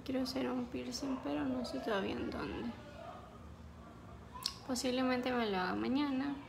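Streaming live from a small room, a young Ecuadorian host talks casually with her viewers, calling out their names and replying to them. Her voice is high-pitched and creaky, moving at a moderate pace, with background noise present. A phone on a ring light stand serves as the microphone.

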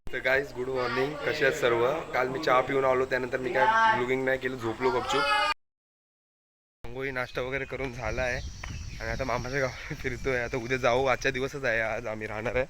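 A man's voice: medium pitch, level tone, a little fast. Chatty man vlogging outdoors in rain. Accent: Konkani-region Marathi. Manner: chatty, pointing things out to viewers. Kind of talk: casual travel vlog chat. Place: outdoors in a rainy village. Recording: outdoor noise in the background.

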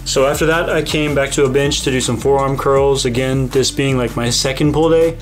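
A young man in his twenties talking casually in a home vlog voiceover with lots of fillers and a relaxed, rambling way of talking. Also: medium pitch, a little fast. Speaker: fitness vlogger. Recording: background music under the voice.

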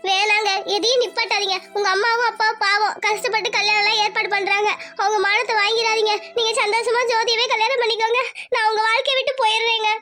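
A performer voicing a spirited young village woman in a cartoon, sharp with a pest and tender with her lover. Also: extremely high pitch, little pitch movement, fast talker, few pauses, over music. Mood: sorrowful. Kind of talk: cartoon voice acting.

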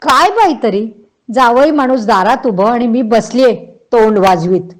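A fierce, outspoken older aunt fills this storybook scene, as a woman reader puts her on. Her voice rides high and loud, full of exclamations and sharp scolding. She speaks at an unhurried reading pace. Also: expressive. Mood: teasing, scolding.

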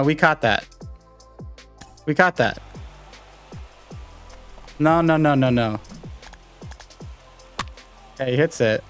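A young man giving live commentary on a baseball video game he is playing, talking to his viewers and reacting loudly to each play, with faint music behind him. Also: fairly high pitch. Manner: excitable, talks to viewers while playing. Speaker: gaming YouTuber.

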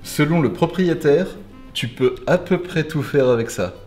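A man's voice: a little high, unhurried, a little mellow. A man hosting a casual car video with a tongue-in-cheek manner, full of slangy joking asides. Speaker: host of a car show. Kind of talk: casual scripted car presentation to camera. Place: garage, indoors. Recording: roomy garage echo, faint music behind.

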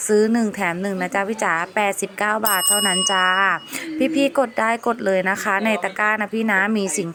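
A woman selling live to viewers delivers a repetitive, coaxing sales pitch, addressing them with polite, endearing terms.

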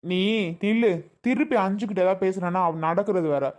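A woman's voice: mid-range voice, a little fast, darkish tone, close to an everyday voice. A woman playing a protective young husband who scolds his sister and comforts his wife in a family skit. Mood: scolding. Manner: scolding, exasperated.

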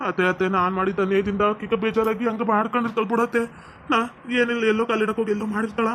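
A woman's voice: on the high side, level tone, fairly bright tone, slight background noise, lightly acted, poor audio. A woman playing a guilty, pleading young husband. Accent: North Karnataka Kannada. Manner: rapid, pleading, self-pitying. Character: guilty young husband fussing over his wife.

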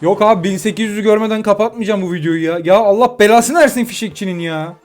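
A young man giving live commentary on his own mobile game matches, excitable and quick to vent frustration at his opponents. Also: high-pitched. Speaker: gaming YouTuber. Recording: faint music behind.

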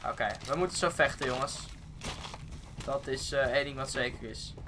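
A man giving excitable let's play commentary on a game, swearing often and slipping English phrases into his talk. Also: medium pitch, brisk. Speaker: gaming video host. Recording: steady background noise.

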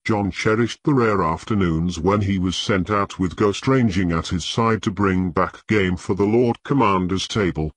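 A man narrating an audiobook in a measured, expressive storytelling manner. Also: deep voice, husky, no echo. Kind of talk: scripted narration.

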